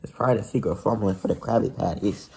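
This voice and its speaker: A cheerful, eager young sea sponge, as a man reading a storybook puts him on, friendly and keen. It comes through in a low, gravelly voice with a mellow tone. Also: very fast.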